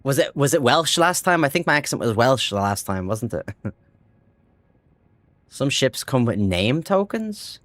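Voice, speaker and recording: Excitable Irish man streaming a game. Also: medium pitch, measured pace, long pauses, no room sound. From Ireland. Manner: excitable, swears freely, talks to chat. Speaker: livestream gamer. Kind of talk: casual live gameplay chat.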